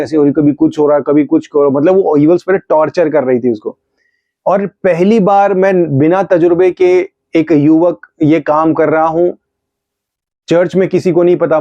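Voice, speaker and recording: A middle-aged male pastor delivers a testimony sermon with fervent storytelling energy, acting out his own rebukes. His voice is pitched slightly high yet mellow rather than bright. The recording is slightly dull and dry, with no room sound or echo.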